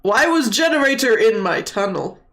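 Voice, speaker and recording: A woman voicing a big, dim-witted stone giant in a tabletop game, with slow, dopey broken speech and blunt questions. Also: a little high, sing-song, fairly bright tone. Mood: dim, puzzled. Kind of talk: in-character tabletop role-play.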